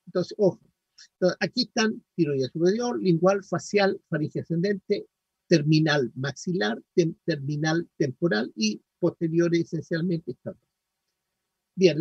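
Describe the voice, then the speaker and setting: A man's voice: on the high side, husky, no echo, far from the mic, highs cut off. A middle-aged man giving a university lecture on anatomy, explaining step by step and checking in with his students. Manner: explanatory, peppered with "¿no es cierto?" and "¿ya?".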